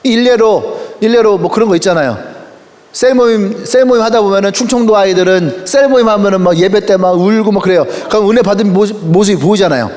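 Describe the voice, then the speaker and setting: A man's voice: high voice, fast talker, darkish tone. A male pastor preaching a sermon with a playful storytelling manner, acting out little quoted voices and laughing often. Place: large auditorium. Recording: long hall reverb.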